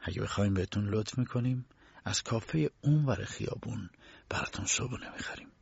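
A man voicing blunt low-ranking guards who talk in a flat, curt and condescending way. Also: vocal fry, breathy edge, dry recording, highs cut off. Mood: smug.

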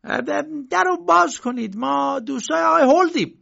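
Male narrator putting on a pushy angry uncle, pitched way up, gravelly, dull lo-fi audiobook. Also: heavily acted. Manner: loud, demanding, shouting. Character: hot-tempered middle-aged uncle, brusque and pushy. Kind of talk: audiobook character voice. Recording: dull lo-fi recording.

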